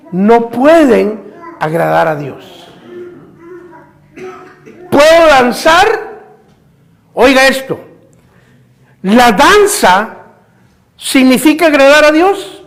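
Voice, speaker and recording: A man's voice: extremely high pitch, sing-song, takes it slowly, vocal fry, long pauses. A man preaching a fervent sermon in church as pastor, firing rhetorical questions and calling his listeners brother.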